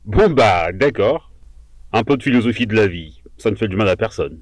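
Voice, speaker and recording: A man's voice: lowish voice, lively intonation, normal speed, no echo. A man hosting a challenge show, opening with a punchy announcer-style intro and asking interview questions. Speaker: show host. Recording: music under the voice.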